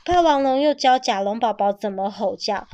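一位女性给孩子朗读绘本当作睡前故事，语气温和生动，不时向孩子提问。. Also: female voice, fairly high pitch, moderate pace, dull audio. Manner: gentle, animated, asks the child questions. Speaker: bedtime storyteller. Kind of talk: reading a picture book aloud to a child.

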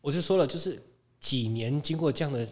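A man's voice: on the high side, brisk. A man with a Taiwanese Mandarin accent, speaking frankly as a podcast guest, laughing often. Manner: animated, frank, laughs often, mimics critics. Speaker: podcast guest, fitness competitor. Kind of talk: casual podcast chat.

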